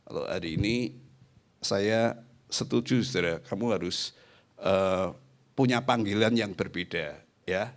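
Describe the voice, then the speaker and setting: A middle-aged man preaching a sermon as pastor, animated and often addressing his listeners directly. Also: on the low side, measured pace, pauses often. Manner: acts out quoted voices in the talk.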